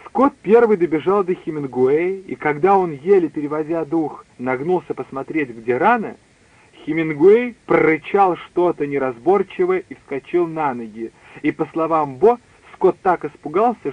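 A man's voice: on the high side, expressive, moderate pace, no room sound. Man reading a story on a tinny line. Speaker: narrator. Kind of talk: scripted audiobook reading. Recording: dry tinny phone-like line.

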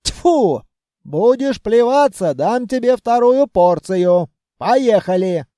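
A man's voice: high voice, animated, takes it slowly, warm tone, dry recording, clean studio sound, pitched above the performer's own voice. A man voicing a stern, fussing old grandmother who heals by magic in an audiobook. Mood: bossy. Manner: scolding, commanding.

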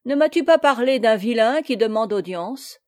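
A woman voicing a hot-tempered, boastful male knight captain in an audiobook, with loud commanding exclamations. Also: on the high side, lively intonation, normal speed, natural voice. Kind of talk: audiobook character reading.

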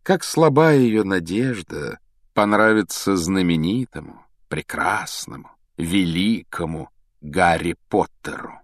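Creepy calm teen villain played by a man, slow and smug, lowish voice, dry close mic. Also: no echo. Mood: coldly mocking. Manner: smooth, coolly mocking, unhurried. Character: sinister teenage boy wizard, calm and cruel. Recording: dry close audiobook sound.

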